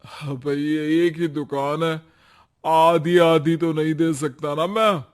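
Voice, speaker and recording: Blunt cartoon landlord, voiced by a man, matter-of-fact, slow delivery. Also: on the high side, steady tone, clean tone. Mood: dismissive. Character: blunt male shop landlord. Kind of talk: cartoon voice acting.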